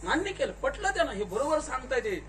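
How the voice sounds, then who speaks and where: A man giving a spiritual discourse in a large tent, questioning the listeners and telling them to answer louder. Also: very high-pitched, big pitch swings, quick pace. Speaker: kirtankar preacher. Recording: distant mic with faint noise.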